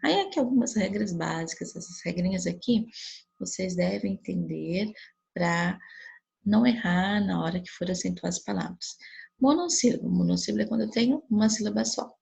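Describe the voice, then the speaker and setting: A woman's voice: medium pitch, animated, moderate pace, vocal fry, darkish tone, slightly rough. A woman teacher with a Brazilian Portuguese accent, giving a patient recorded grammar review and often checking in with her students. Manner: patient explaining with frequent checks like "né?" and "tá?".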